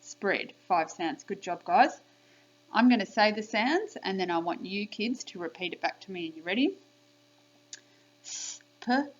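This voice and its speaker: A woman teaching young children a spelling lesson on video, sounding out letters and sounds slowly and clearly. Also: mid-range voice, lively intonation. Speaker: primary school teacher. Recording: slightly dull lo-fi sound.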